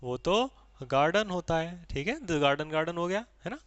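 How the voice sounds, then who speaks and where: Male teacher, smooth dry voice. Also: a little high, expressive, a bit bright, no room sound, highs cut off. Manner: drills students with repeated questions, drawn-out English readings. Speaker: English teacher. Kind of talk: exam-prep lesson, explaining words.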